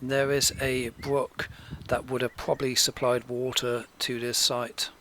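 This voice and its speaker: A man from Gloucestershire, England, giving scripted documentary narration in a steady, measured, informative way. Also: medium pitch, slight background noise.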